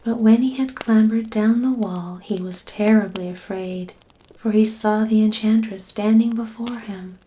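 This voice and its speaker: A woman reading a bedtime story in a soft, breathy, whispery voice, gently and soothingly. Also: mid-range voice, steady tone, low-quality recording. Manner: gentle, soothing, unhurried delivery.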